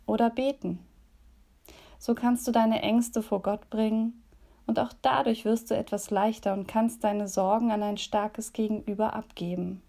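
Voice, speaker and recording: Brief: gentle woman devotion leader and storyteller, dark gravelly tone, unhurried. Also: medium pitch, steady tone. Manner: gentle, soft, at times whispered. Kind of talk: calm devotion with story reading.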